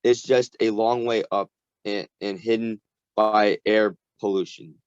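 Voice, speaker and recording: A man voicing a gruff, world-weary male dwarf companion who explains things bluntly and matter-of-factly, read slowly from a storybook. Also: on the low side, steady tone, dry recording, close to an everyday voice. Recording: dull lo-fi recording.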